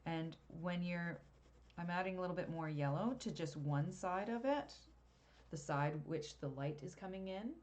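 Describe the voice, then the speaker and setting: A woman with a fairly low voice talks through a live drawing lesson, explaining each step as she works. She is chatty and laughs at her own slips. She is picked up by a webcam mic. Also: moderate pace, darkish tone. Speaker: art teacher.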